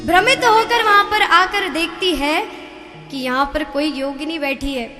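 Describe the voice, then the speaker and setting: A woman's voice: sits high, unhurried. A woman narrating a devotional story expressively to listeners, between sung verses, with music accompaniment. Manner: expressive, addresses listeners as maharaj. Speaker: spiritual storyteller. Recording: reverberant hall with music.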